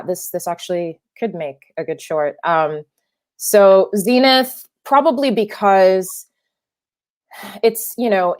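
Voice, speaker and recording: This filmmaker guest is a young adult woman whose native language is French. Her pitch is fairly low and her tone a little mellow. She responds to interview questions with care, often restarting and using fillers.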